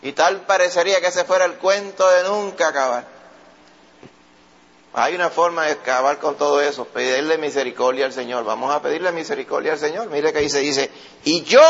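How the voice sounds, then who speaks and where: A male preacher delivers a sermon in a lively, storytelling way, often calling out to his brother listeners. His voice sits a bit high. The recording sounds dull and lo-fi.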